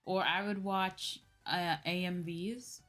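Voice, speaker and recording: On a casual VTuber livestream with background music, a young adult woman talks slowly in a steady, lowish voice with a fairly bright tone. Conversational throughout, she frequently asks "right?" and says "you know."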